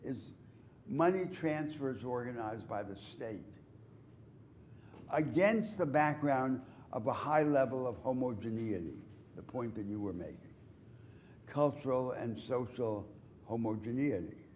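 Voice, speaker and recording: Measured male lecturer in a lecture hall. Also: medium pitch, animated, a little mellow, a little hiss or hum. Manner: measured, deliberate explaining with emphatic rises. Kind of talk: university lecture.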